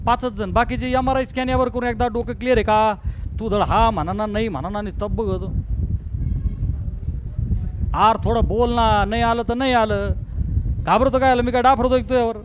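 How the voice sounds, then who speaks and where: High-voiced Marathi math teacher coaxing a class. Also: male voice, fairly even intonation, moderate pace, pauses often. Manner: coaxing, repeatedly checks understanding. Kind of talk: classroom lecture. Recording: noisy classroom recording.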